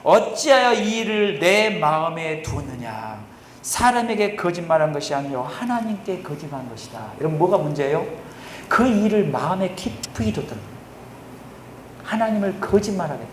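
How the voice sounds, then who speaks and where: A male pastor preaching a sermon, often asking the congregation questions and answering them himself, his voice swinging between loud and quiet. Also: sits high, big pitch swings, normal speed, slight background noise. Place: church sanctuary. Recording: echoey church hall recording.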